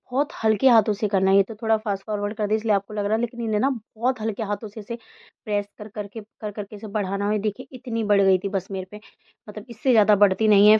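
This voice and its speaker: A woman's voice: medium pitch, highs cut off. Chatty woman vlogging at home. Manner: chatty, rambling, self-deprecating. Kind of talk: casual home vlog with cooking.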